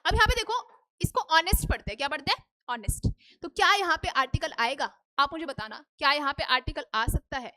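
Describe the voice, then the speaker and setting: तेज़ ऊँची आवाज़ वाली शिक्षिका. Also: female voice, high-pitched, expressive, quick pace, sharp tone, a little hiss or hum. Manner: asks students questions and answers them herself, repeats "ठीक है?". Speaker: English teacher. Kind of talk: Hindi-English grammar lesson. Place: classroom.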